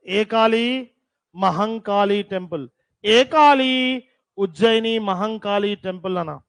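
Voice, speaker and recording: Slow high-voiced man dictating to a class. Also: no room sound. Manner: repeats terms slowly for dictation, teasing scolds. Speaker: teacher.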